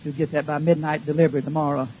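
A man preaching a fiery revival sermon to a congregation, folksy and joking, swinging from shouts to quiet asides. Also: fairly high pitch, level tone, rapid-fire, a little hiss or hum. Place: church before a congregation. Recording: dull lo-fi archive recording.

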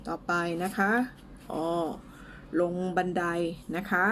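Slow, careful Thai woman teaching English. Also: a bit bright, slight background noise. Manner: slow, careful pronunciation drills with fillers. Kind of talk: casual language lesson.

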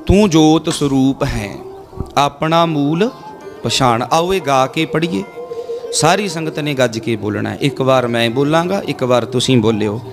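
A male preacher giving a storytelling sermon to a congregation. He asks them rhetorical questions and leads call-and-response chanting. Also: a little high. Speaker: Sikh preacher leading a congregation.

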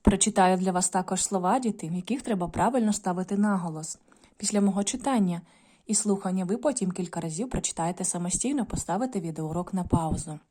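A woman's voice: on the low side, fast, warm tone. A woman teaching a video lesson to primary school children, patient and instructive, often addressing them directly.

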